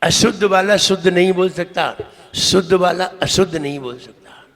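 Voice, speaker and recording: A man's voice: high voice, moderate pace, a bit bright. A man, a Jain monk, giving a sermon-style pronunciation lesson in a temple hall, teasing listeners and repeating words to drill them. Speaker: Jain monk teaching recitation. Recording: long hall reverb.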